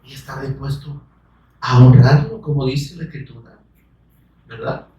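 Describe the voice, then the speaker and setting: Pastor guy preaching, gets loud and fired up, calls everyone brother, sounds far off in a roomy echoey space. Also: medium pitch, steady tone, measured pace, dull audio. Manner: fervent preaching, rising to shouts; addresses listeners as brother. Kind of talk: sermon. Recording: echoey room, voice from far off the mic.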